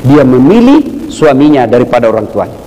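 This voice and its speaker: A middle-aged man preaching to a live audience, telling animated jokes and jumping to a high pitch for punchlines. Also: a little fast, a little hiss or hum. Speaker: Islamic preacher. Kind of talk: humorous sermon to an audience. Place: large hall with live audience. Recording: echoey hall with faint ambience.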